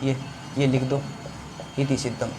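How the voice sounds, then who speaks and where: A man's voice: mid-range voice, little pitch movement, a little slow, noisy background. Hindi-speaking man teaching a maths lesson. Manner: explains step by step, often asks questions and answers them himself.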